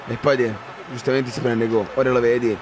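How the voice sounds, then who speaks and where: A man commentating his own football game, excitable, shouting at chances and swearing at misses. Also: medium pitch, fairly quick, noisy background. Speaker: gaming YouTuber.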